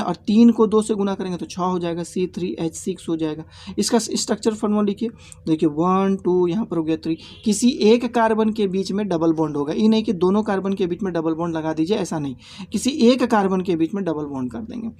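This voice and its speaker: A man teaching a lesson in a mellow, darker voice. He goes step by step and repeats each key point. He keeps checking that his students follow with short tag questions. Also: high voice, a little fast, a little hiss or hum. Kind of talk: classroom lesson.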